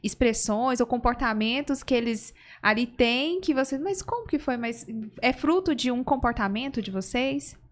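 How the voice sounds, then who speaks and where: A woman's voice: a little high, moderate pace, hardly any pauses. A woman hosting a podcast, affirming her guests and asking follow-up questions. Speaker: host. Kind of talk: casual podcast interview.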